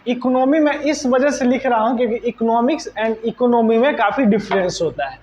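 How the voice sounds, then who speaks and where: A male teacher with a Bihari Hindi accent gives a bilingual classroom lecture, explaining terms slowly and checking in with "right?". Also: very high voice, a little mellow, muffled recording, a little hiss or hum. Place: classroom with students present.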